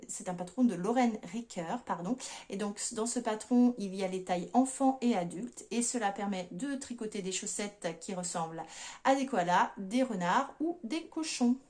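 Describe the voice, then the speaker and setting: A woman's voice: mid-range voice, a little mellow. A woman in her thirties talks in a casual, chatty way and speaks. She hosts a podcast and fills her sentences with hesitant fillers as she goes. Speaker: knitting podcast host. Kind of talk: casual chat.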